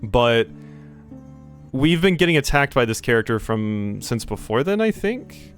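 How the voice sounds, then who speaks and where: A man's voice: medium pitch, lively intonation, a little slow, soft background music. A man casually narrating and commenting on a game playthrough, thinking aloud. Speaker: gaming video creator.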